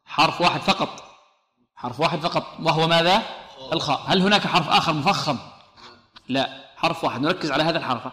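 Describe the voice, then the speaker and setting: Man, Quran recitation teacher, bright forceful voice, slow demonstrated recitation, echoey room. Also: fairly high pitch. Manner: asks questions and answers them, repeats sounds slowly to demonstrate. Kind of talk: tajweed lesson with recited demonstrations.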